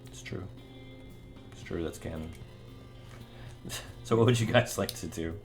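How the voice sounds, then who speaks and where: A man with a low voice acts as game master. He narrates and talks to players conversationally over faint music. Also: a little slow. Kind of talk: narrating a tabletop role-playing game, conversational.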